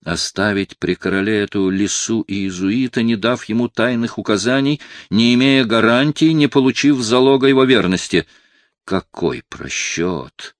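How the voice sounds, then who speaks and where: Guy reading as a proud hot-tempered cardinal in his fifties, lowish dry voice, loud angry bursts. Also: normal speed, dry recording, close to an everyday voice. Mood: fretful. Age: 50s. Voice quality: flaring into loud indignant outbursts. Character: imperious aging cardinal, proud, quick to anger. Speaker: audiobook reader voicing a character. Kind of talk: audiobook character reading.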